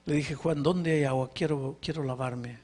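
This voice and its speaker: A pastor preaching to a live congregation, telling a story with dramatic pauses and anguished questions. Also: male voice, fairly high pitch, steady tone, a little mellow. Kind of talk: narrative sermon storytelling. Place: live sermon before a congregation.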